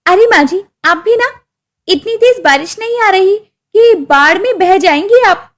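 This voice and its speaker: A woman's voice: extremely high pitch, animated, unhurried, pitched above the performer's own voice. A woman voicing a scheming, cruel young daughter-in-law in a storybook tale, talking in a sly, scolding way.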